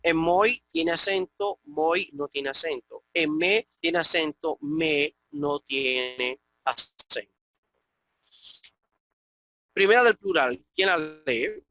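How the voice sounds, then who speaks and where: Male teacher from the Dominican Republic, patient explainer on an online call, crisp bright delivery, dry sound. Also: fairly high pitch, takes it slowly, no room sound, rough recording. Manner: patient, explanatory, often checks with "ok?". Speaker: Koine Greek teacher. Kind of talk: online class lecture. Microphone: computer mic on an online call.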